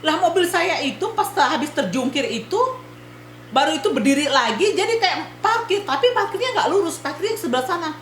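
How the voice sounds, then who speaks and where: A woman from Indonesia, vlogging an animated personal story and talking straight to her viewers as friends. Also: sits high, a little fast, echoey room, slight background noise. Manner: animated, retells events while addressing viewers as friends. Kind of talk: casual storytelling vlog.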